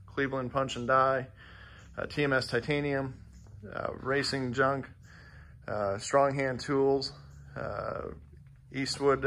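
Holding his phone, a fabrication shop owner with a mid-range voice strolls through his big indoor workspace and talks about the projects there. His manner is easygoing and plain, full of "uh"s and "um"s.

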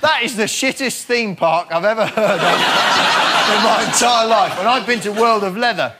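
A man's voice: high voice, moderate pace, very noisy. A man making his case on a comedy panel show in an incredulous, ranting mocking manner. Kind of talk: comic stand-up argument.

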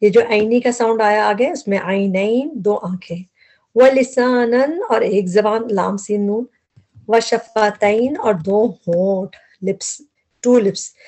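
A woman with a mellow, warm, mid-range voice slowly guides students through a Quran lesson word by word. She patiently explains each root word, often repeating and correcting herself mid-phrase, and her speech mixes in throughout.

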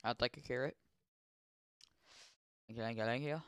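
A young man casually commenting on his gameplay, chatting to in-game characters and yelling curses when startled. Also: mid-range voice, steady tone, normal speed, clean tone, no room sound, studio quality. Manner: yells and swears when startled. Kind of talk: casual let's-play commentary.

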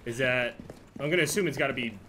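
A man's voice: mid-range voice, quick pace. A man giving casual gameplay commentary, swearing and muttering his thoughts aloud over game sound. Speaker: gamer playing and commenting on a horror game. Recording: clear game noise behind the voice. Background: video game sound.

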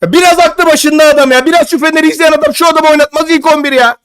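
Angry football streamer, man, high sharp voice, furious exasperated rant, cheap mic, dry. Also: steady tone, very fast, dry recording. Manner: furious, exasperated, swearing oaths, repeating himself. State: shaking with anger. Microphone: cheap desk microphone.

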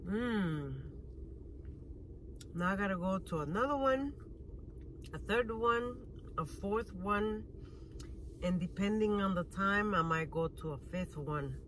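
Here a woman in her thirties, a vlogger, eats and talks casually for a food review filmed on her phone from arm's length in a parked car. Her mid-range voice moves slowly with long pauses, broken by smacking sounds, over a little hiss or hum.

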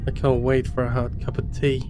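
A man giving casual let's-play commentary, muttering to himself in a jittery, jokey way with a gravelly voice. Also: mid-range voice, completely flat delivery, brisk, music in the background. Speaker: video game streamer.

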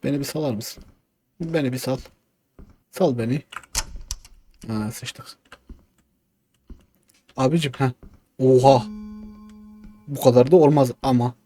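A man's voice: mid-range voice, takes it slowly, long pauses, mellow, faint music behind. A young man casually commenting on a game as he plays, coaxing and cursing at it while talking to himself. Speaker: gaming YouTuber. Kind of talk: casual let's-play commentary.

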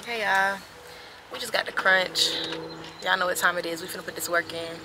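A woman's voice: lowish voice, normal speed, over music. A young woman fitness vlogger in casual, upbeat chat with her viewers, talking straight to the camera. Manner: upbeat and chatty, addresses viewers directly.

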